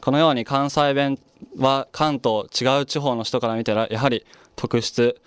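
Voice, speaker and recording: Smooth-voiced young male host. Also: mid-range voice, steady tone, no room sound. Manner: measured, reflective delivery with occasional fillers. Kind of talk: scripted feature narration.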